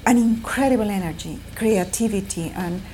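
A woman's voice: mid-range voice, normal speed, mellow, slight background noise. A woman answering in an interview in a reflective way.

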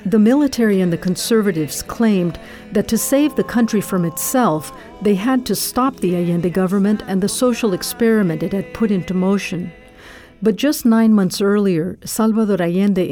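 A woman narrating a radio documentary in a measured, serious scripted read. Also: mid-range voice, warm tone.

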